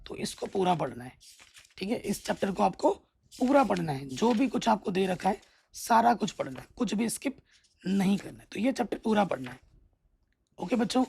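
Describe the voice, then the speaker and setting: A man's voice: sits high, very animated, normal speed, creaky, darkish tone, slight background noise. A man teaching maths and walking students through which exam questions to study. He speaks in an instructive way and keeps checking in with the students. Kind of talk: exam syllabus walkthrough lesson.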